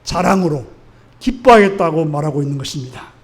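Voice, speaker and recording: A man's voice: a little high, expressive, brisk. A male pastor preaching a Sunday sermon in an earnest, exhorting way, putting question after question to his congregation. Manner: asks the congregation frequent rhetorical questions.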